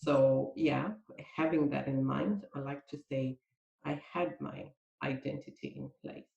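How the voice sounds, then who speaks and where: A woman's voice: extremely low pitch, fairly even intonation, measured pace, creaky, dark tone. A middle-aged woman with a Zimbabwean accent, a podcast guest speaking in an articulate, reflective way. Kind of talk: casual podcast interview. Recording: dull, roomy recording.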